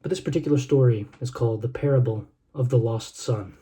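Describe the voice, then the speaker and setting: Man, very mellow dark tone, solemn sermon-like reading, measured and heartfelt. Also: medium pitch. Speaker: food review video host. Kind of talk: earnest sermon-like monologue with scripture reading.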